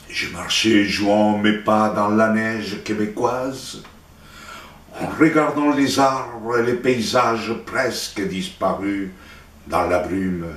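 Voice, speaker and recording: Captured from afar in an echoey room, a Chilean poet from Santiago recites his own work in Chilean-accented Spanish, his native tongue. His voice sits on the low side, and he declaims solemnly and deliberately, pausing between short phrases.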